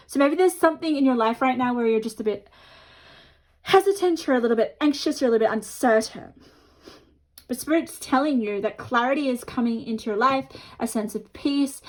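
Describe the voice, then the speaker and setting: High-voiced woman, numb from the dentist. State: mouth half numb from the dentist. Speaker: tarot card reader and host. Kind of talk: chatty intuitive card reading to viewers.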